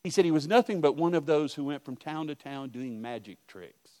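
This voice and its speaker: A middle-aged male pastor preaching a sermon, telling stories and swinging from hushed asides to loud outbursts. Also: fairly high pitch, animated, brisk.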